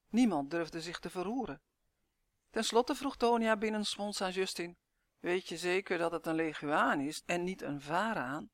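A woman narrating a children's storybook in a clear, even, expressive reading voice. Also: on the low side, no echo.

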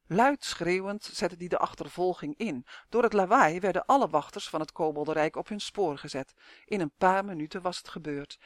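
Male audiobook narrator, high voice, lively, dry close recording. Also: no room sound. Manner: lively, expressive storytelling. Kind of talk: scripted narration of a children's fantasy audiobook.

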